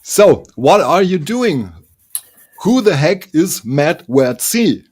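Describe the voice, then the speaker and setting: A man's voice: fairly high pitch, big pitch swings, slow, slightly rough, no echo. A man from Germany with a German accent, hosting a casual interview show in English and chatting in a friendly, slightly nervous way with frequent restarts. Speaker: host.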